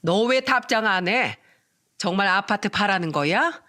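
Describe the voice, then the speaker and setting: A woman's voice: medium pitch, expressive, moderate pace, a bit bright, close to an everyday voice. A woman voicing a haughty, contemptuous middle-aged future mother-in-law who scolds and sneers. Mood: irritated.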